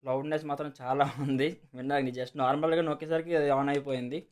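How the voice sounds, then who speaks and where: Over a very noisy background, a man with a mid-range voice and Telugu accent talks fast in a steady tone. He's a video host casually demonstrating and explaining a product, going over the same things repeatedly and using plenty of English words.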